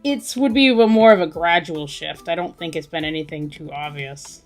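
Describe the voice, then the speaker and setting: With music in the background, she draws live and chats casually, wandering through her thoughts aloud. Her voice is low and moves at a normal pace.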